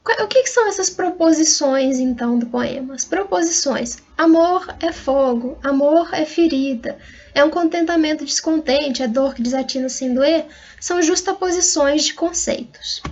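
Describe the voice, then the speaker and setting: Brazilian woman, high voice, slow methodical lecture, kinda muffled lo-fi audio. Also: darkish tone. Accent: Brazilian Portuguese. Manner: patient, methodical, spells out rhyme schemes letter by letter. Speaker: university literature lecturer. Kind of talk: recorded online lecture.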